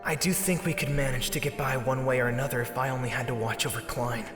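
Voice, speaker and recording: A man's voice: medium pitch, fairly even intonation, fast, over music, natural voice. A man voicing a determined young male gamer hero in an anime fan dub, with an earnest, dramatic delivery. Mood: resigned.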